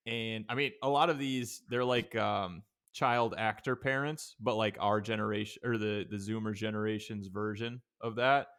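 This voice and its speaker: Laid-back young man with a smooth low voice. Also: steady tone, normal speed, hardly any pauses, fairly bright tone. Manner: laid-back, rambling explanations with fillers. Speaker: podcast co-host. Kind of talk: casual chat.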